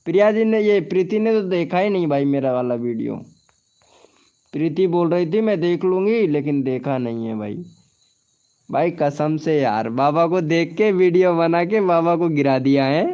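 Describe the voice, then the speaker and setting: Chatty Hindi streamer man, higher voice. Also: expressive, normal speed, warm tone, clear, resonant tone. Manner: chatty, laughing, swears by oath often. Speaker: YouTube live streamer. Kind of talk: casual live-stream chat with viewers. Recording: dull lo-fi stream audio.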